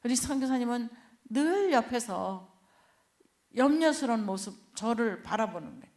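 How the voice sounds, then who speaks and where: A woman's voice: on the high side, expressive, moderate pace, a little mellow. A woman missionary giving a heartfelt testimony in church, telling her story and acting out what people said. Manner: heartfelt storytelling, acts out quoted speech.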